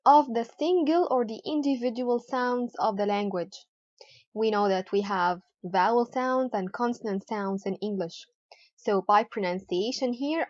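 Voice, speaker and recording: A woman teaching English pronunciation, explaining deliberately and repeating example words for learners. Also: a little high, dry recording. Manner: carefully repeats model words for practice. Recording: dull, slightly lo-fi dry sound.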